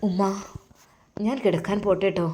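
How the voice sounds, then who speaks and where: A woman voicing a heartbroken, torn young man, speaking softly and sorrowfully. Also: medium pitch, steady tone, moderate pace, lightly acted. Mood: pleading. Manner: soft, sorrowful inner monologue.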